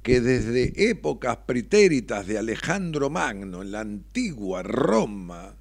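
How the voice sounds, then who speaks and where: A middle-aged man with an Argentine accent giving a reflective motivational monologue, expressive and salty, always tossing in tag questions. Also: medium pitch, takes it slowly, gravelly, no echo. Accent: Argentine Spanish.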